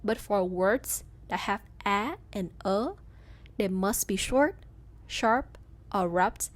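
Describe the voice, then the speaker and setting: Female teacher with a Southern Vietnamese accent; slow, careful scripted delivery. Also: medium pitch. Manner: slow, careful, reads sounds out one by one. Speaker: language teacher. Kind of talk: scripted pronunciation lesson.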